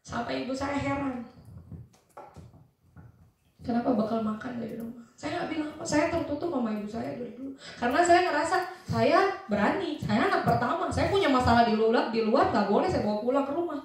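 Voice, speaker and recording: A woman's voice: sits high, lively intonation, fast, few pauses. A young woman giving a spirited testimonial speech to an audience, telling a personal story and acting out the dialogue. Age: young adult. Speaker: motivational speaker. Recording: echoey hall from far off.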